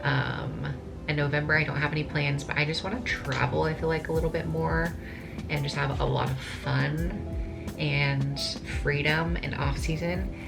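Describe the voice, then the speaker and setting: Low-voiced chatty woman in her twenties. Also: steady tone, normal speed, gravelly, music in the background. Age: 20s. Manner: chatty and rambling, with many "like" fillers. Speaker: vlogger, bikini competitor. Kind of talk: casual chat to camera.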